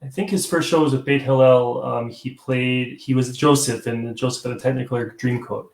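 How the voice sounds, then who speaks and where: A gravelly, mid-range male voice with a steady tone and slightly quick delivery fronts a live theater talk show streamed over a video call. He chats loosely, laughing and restarting often as he rambles. Everything echoes as if in a large room.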